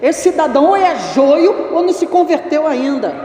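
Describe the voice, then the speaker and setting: A man's voice: very high-pitched, moderate pace. Man preaching in an echoing church. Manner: animated, talks directly to the congregation. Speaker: evangelist preaching. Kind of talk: conversational teaching sermon. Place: church congregation hall. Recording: roomy echoing church reverb.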